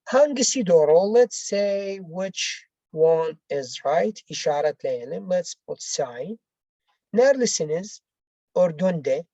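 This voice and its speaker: In a bilingual lesson, a non-native English-speaking woman teacher reads exercises aloud and explains answers step by step, halting and repetitive. Her lowish, mellow, soft-edged voice is unhurried yet has lively intonation, recorded with no room sound.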